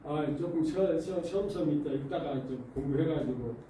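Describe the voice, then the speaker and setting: A man preaches in a very dark, mellow voice, pitched a little high for a man. He keeps the congregation involved with stories and rhetorical questions. The sound is a very echoey church hall, with his voice picked up from some distance away from the mic. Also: fairly quick, slight background noise. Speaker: pastor. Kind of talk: sermon. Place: church sanctuary.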